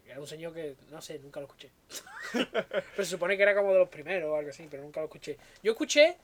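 A man's voice: on the high side, lively intonation, quick pace. A man from co-hosting a podcast, giving blunt opinions and swearing casually. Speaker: podcast co-host.

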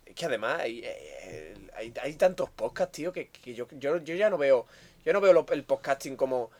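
Animated man, swearing, stumbling. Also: medium pitch. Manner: swearing, stumbling repetitions, quick laughs. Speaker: podcast co-host. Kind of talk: casual podcast banter.

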